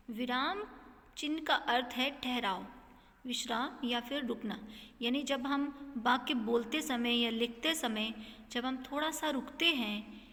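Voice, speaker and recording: A woman's voice: a little high, a bit bright, in a large hall. A woman teacher giving a grammar lesson to students, explaining patiently and checking in often. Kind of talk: classroom lesson.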